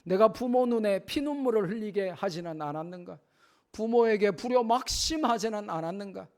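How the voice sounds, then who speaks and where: A man's voice: high-pitched, lively intonation, moderate pace. A middle-aged man preaching a revival sermon in a church, emphatic, often acting out short dialogues with children. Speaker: pastor. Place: church sanctuary.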